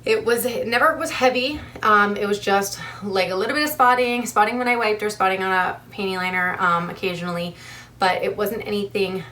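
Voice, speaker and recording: A woman's voice: medium pitch, fairly quick, bright, forceful tone, slight background noise. A young adult woman talking casually to camera as a vlogger, chatty with frequent ums and a little short of breath. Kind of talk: casual vlog talk to camera.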